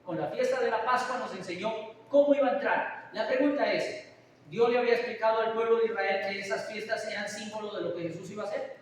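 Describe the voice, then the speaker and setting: A man's voice: high-pitched, quick pace. A man preaching a sermon, often putting questions to his congregation. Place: church hall. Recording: echoey hall from far off, faint hiss.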